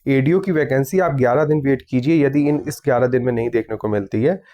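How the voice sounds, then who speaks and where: A man's voice: mid-range voice, fairly quick, muffled recording. A young man who runs an exam news channel, answering viewer comments one after another in a casual, firm way. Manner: reads comments aloud and answers firmly, with many "theek hai".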